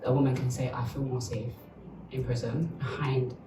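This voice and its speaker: A woman's voice: very deep voice, little pitch movement, normal speed, reverberant, far from the mic, noisy background. A woman from Uganda, giving a candid, reflective documentary interview.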